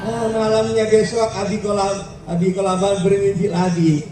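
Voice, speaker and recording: A male preacher telling a story to schoolchildren at a school event, lively, asking them questions and repeating words. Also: high voice, normal speed, over music. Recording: echoey, far from the mic, faint ambience.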